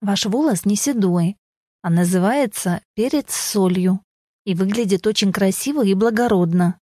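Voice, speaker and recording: A woman's voice: medium pitch, normal speed, warm tone, no echo, studio quality, close to an everyday voice. A woman reading a blunt, resigned woman. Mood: reassuring.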